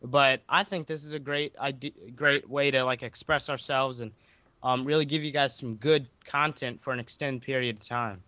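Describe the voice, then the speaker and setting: A man's voice: medium pitch, steady tone, normal speed, no room sound, dull audio. A young man co-hosting a casual podcast, speaking hesitantly with lots of ums and likes. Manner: hesitant, filler-heavy. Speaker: podcast co-host.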